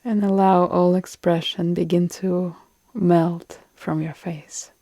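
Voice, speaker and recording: Calm and soothing, a woman leads yoga nidra relaxation, her mellow voice leaning low. She pauses at length, lets soft phrase endings fade into breath, and keeps her delivery nearly flat and very even. No room sound is heard.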